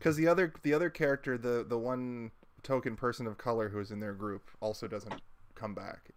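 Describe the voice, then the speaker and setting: A man's voice: medium pitch, steady tone, brisk. Casual swearing man, joking podcast chat. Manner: joking, swears freely, trails off mid-sentence. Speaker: podcast co-host.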